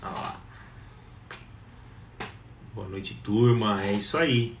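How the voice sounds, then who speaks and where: A chatty man hosts a live stream from home, greeting viewers one by one in a relaxed, casual way. He sits back from a wireless mic, so his voice sounds distant in a roomy space, with faint noise behind him. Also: fairly low pitch, slow. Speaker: live show host. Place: home, Ribeirão.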